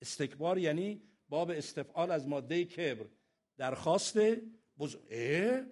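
A man preaching a sermon, asking rhetorical questions and drawing out scripture slowly. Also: on the high side, a little mellow.

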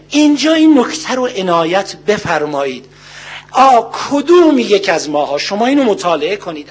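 Older male cleric, sermon, husky voice, high pitch, earnest rhetorical questions. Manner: earnest, rhetorical questions, recites Arabic verses slowly. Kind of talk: religious sermon.

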